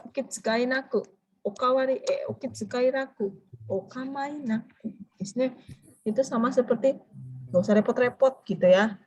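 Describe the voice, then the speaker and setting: A woman teaching a class in a slightly raised, husky voice. She explains phrases, then drills them, stretching out her questions to coax answers from the room. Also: on the high side, darkish tone, dull audio. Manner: quizzes the class with drawn-out prompting questions. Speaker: Japanese language teacher. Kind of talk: interactive classroom lecture.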